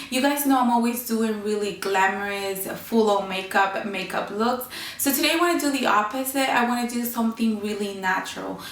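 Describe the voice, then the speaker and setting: A woman vlogger with a bad cold and a honking, nasal, stuffed-up voice, chatting casually through a makeup tutorial. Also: on the high side. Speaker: beauty vlogger. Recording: roomy echo, music behind. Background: music.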